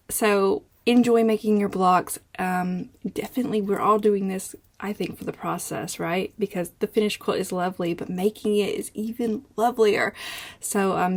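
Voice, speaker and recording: A middle-aged woman hosting a quilt-along in a casual, conversational way, talking to camera in a room at home with a creaky voice. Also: medium pitch. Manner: conversational, informal. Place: small home sewing room, indoors.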